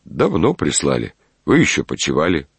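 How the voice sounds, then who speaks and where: A man's voice: very deep voice, huge pitch swings, normal speed, husky, no echo, full character voice. Man doing a stubborn old servant. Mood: grumbling. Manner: grumbling, matter-of-fact.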